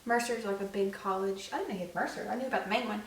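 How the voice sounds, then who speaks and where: A woman's voice: mid-range voice, rapid-fire. A young woman co-hosting a vlog, chatting casually and rambling with many fillers. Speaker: vlog co-host. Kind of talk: casual chat. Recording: echoey room, mic at a distance.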